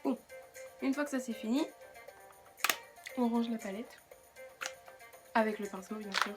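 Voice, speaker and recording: A woman's voice: fairly high pitch, unhurried, music in the background. A woman with a French accent chatting casually through a makeup tutorial, with self-mocking asides. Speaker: beauty vlogger.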